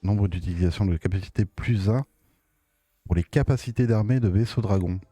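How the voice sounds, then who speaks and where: A man's voice: fairly low pitch, a little fast, mellow, no echo, faint music behind. A man with a Belgian French accent giving casual, somewhat hesitant live commentary as a game streamer.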